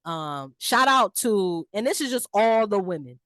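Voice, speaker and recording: Animated woman in casual sports talk. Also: medium pitch, unhurried, dry recording, studio quality. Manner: animated, slangy, playful voices for players. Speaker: podcast co-host.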